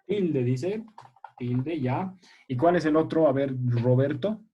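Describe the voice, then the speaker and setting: A man's voice: on the high side, slow pace, mellow, breathy edge, dull audio. A man teaching a primary school language class over a video call, patiently quizzing his pupils and encouraging them. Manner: patient, encouraging, checks in often with "a ver" and "¿ya?".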